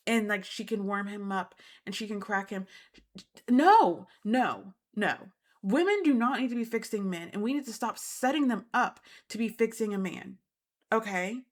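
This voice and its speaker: A woman's voice: medium pitch, normal speed. A woman hosting a reality TV recap, talking in an indignant, emphatic way and repeating points for emphasis. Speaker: host.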